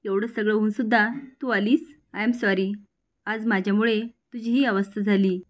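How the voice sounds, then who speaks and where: A woman's voice: medium pitch, steady tone, moderate pace, natural voice. A torn young man of a family drama, read by a woman narrator. He speaks earnestly, pleading at first and scolding later, a little above the narrating voice. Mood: remorseful. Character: young man, torn, guilty then angry.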